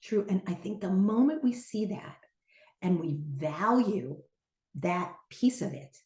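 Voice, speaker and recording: An older woman talking earnestly and reflectively as a podcast guest, stressing her points with lively emphasis. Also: medium pitch, slow pace, reverberant. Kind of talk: casual conversation.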